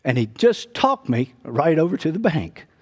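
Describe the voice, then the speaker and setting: A man's voice: a little high, big pitch swings, moderate pace, a little mellow. A middle-aged male pastor preaching a sermon with fervor, often breaking in with "praise God" between his points. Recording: long hall reverb.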